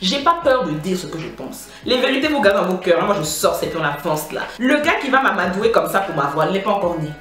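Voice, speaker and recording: Sassy woman telling a storytime, animated pitch. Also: quick pace, few pauses, echoey room, faint music behind. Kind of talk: casual storytime monologue.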